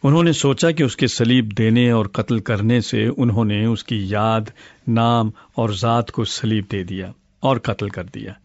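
A man playing a low-voiced explaining uncle. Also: dry recording, close to an everyday voice. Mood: calm explaining. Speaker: older uncle figure explaining stories. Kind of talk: scripted dialogue drama. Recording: muffled lo-fi dry studio audio.

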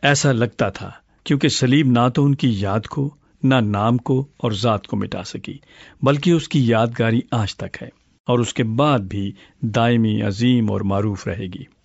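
A man playing an older uncle who calmly explains stories in a scripted dialogue drama. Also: medium pitch, creaky, dry recording. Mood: calm explaining. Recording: muffled lo-fi dry studio audio.

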